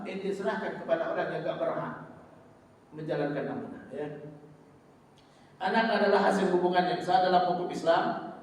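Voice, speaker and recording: A high-voiced man teaches a religious lesson in a chatty way, slipping into short acted exchanges between spouses. He sounds far from the microphone, with a long echo filling a big hall. Faint ambience sits behind him. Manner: conversational, acts out husband and wife in quick asides. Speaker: Islamic teacher. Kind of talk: religious study lecture.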